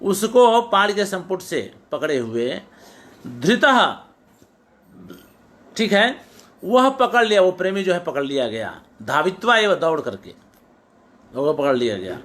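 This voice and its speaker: A man's voice: high-pitched, very animated, a little slow, long pauses, fairly bright tone. A middle-aged male teacher giving a lecture on Sanskrit poetics, quoting verses and glossing them phrase by phrase, often repeating and restarting words.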